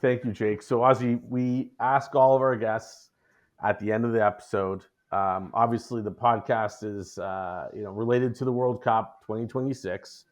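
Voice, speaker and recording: A man's voice: on the low side, fairly even intonation, moderate pace. A man from Canada co-hosting a podcast, chatting in a friendly, conversational way. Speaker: podcast co-host. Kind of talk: casual podcast chat. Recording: dull lo-fi audio.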